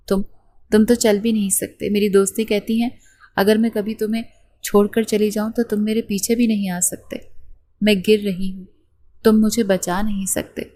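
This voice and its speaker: Brief: bitter young wife, hysterical shouting, read by a woman narrator. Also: medium pitch, close to an everyday voice. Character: bitter spoiled young wife, shrill and scornful.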